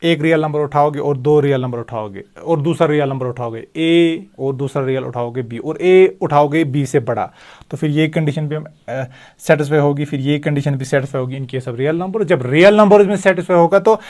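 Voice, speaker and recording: Math lecturer, higher voice. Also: male voice, moderate pace, darkish tone. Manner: explains step by step, repeats key terms. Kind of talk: recorded video lecture.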